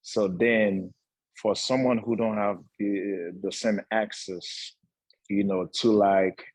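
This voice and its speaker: A young man from Haiti speaks earnestly as a talk-show guest, his voice very low and slightly husky. He pauses often and fills gaps with "uh" and "you know." The sound is close and dry. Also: steady tone, no echo, poor audio. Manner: earnest, halting, many fillers. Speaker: guest entrepreneur. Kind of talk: casual talk-show conversation.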